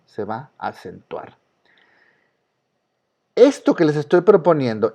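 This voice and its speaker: Over a video call, a man with a Mexican Spanish accent teaches an online class, patiently going over the rules again and quizzing students. His voice is mid-range and a little mellow, with the highs cut off.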